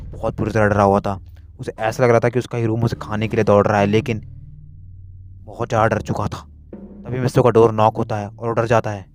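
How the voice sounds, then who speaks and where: A man narrating a spooky story in a hurried, repetitive way. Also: on the low side, darkish tone, a little hiss or hum.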